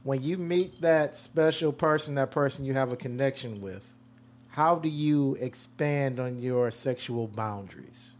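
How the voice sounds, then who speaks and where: A man's voice: mid-range voice, a little slow, slight background noise. A man hosting a casual group chat, steering the talk and teasing the others. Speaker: podcast host.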